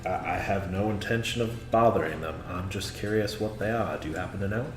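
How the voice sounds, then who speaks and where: A man's voice: low-pitched, a little fast. A man playing a tabletop role-playing game, talking casually in and out of character. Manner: casual, sweary. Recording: roomy echo, faint music behind. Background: faint music.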